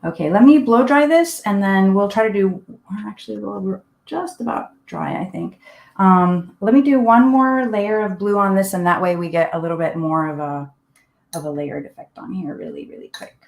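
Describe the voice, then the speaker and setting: Her voice is medium in pitch and a little mellow, at a moderate pace. She is a Finnish art teacher running a live online painting class from her home desk, chatting casually and thinking aloud as she works, all captured with a roomy echo.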